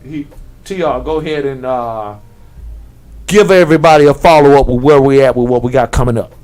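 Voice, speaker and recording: A man's voice: mid-range voice, brisk, clear, resonant tone. Earnest man hosting internet radio. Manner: earnest, heartfelt shout-outs. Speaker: radio show host. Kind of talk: casual radio talk.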